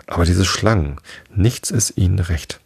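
A man reading the part of a suspicious, complaining mother pigeon in a storybook, in his own low husky voice. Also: measured pace, a little mellow, dry recording, studio quality, heavily acted. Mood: scolding. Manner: scolding, complaining, contemptuous. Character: shrill, suspicious female pigeon guarding her eggs. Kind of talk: audiobook reading of a classic tale.

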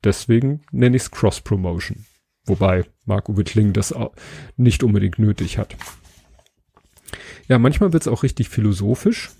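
Man, gravelly and husky voice, dark mellow tone, dry close sound, relaxed podcast book review. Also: on the low side, normal speed, pauses often, dry recording. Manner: relaxed, searches for words with hesitations. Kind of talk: casual spoken book review.

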